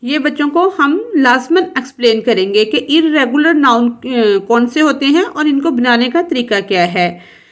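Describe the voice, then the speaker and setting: A woman's voice: high voice, expressive, unhurried. A woman teacher giving a recorded textbook lesson. She reads English lines carefully, then explains them in Urdu and spells words out letter by letter.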